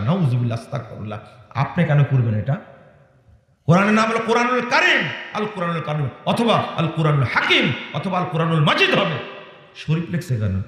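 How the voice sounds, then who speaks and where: Middle-aged male preacher, fairly high and lively voice, harangues with rhetorical questions, roomy hall. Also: fairly quick. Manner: scolding, rhetorical questions, rising to shouts. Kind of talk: Bengali waz sermon. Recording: echoey hall with long reverb.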